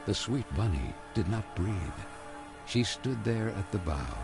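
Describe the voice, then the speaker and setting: A man playing a solemn storybook narrator of a dark fairy tale, theatrical and measured in an animated game. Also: on the low side, gravelly, heavily acted. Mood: solemn, wondering. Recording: music under the narration.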